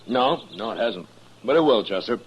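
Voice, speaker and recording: An actor playing a calm, dry-humored frontier marshal in an old radio western, speaking in an easygoing, wry way, heard over AM radio. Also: male voice, lowish voice, normal speed, a little hiss or hum. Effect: old AM radio broadcast sound. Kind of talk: 1950s radio drama acting. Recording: muffled lo-fi old radio broadcast.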